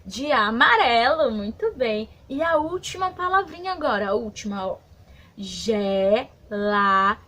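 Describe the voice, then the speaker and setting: A woman with a Brazilian accent teaching young children in an online lesson, stretching words slowly and asking many questions. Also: high voice, sing-song, a bit bright. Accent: Brazilian Portuguese. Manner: slow, drawn-out words for small children. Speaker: preschool teacher.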